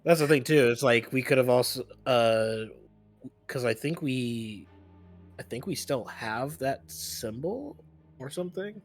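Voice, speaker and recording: A man's voice: medium pitch, animated, a little slow. Rambling man who trails off. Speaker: player. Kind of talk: casual game chat. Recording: faint music behind.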